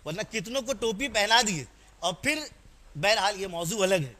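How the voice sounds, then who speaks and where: Preaching in a high, expressive voice with a sharp edge, a man presses his congregation, questioning them and inviting responses. He also shares personal anecdotes in a conversational tone.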